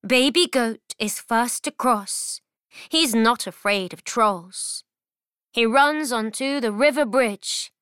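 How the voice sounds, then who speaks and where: A woman reading a simple children's story aloud, slowly and carefully, for learners. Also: a little high, fairly bright tone, clear, resonant tone, dry recording, studio quality. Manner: careful, evenly paced reading.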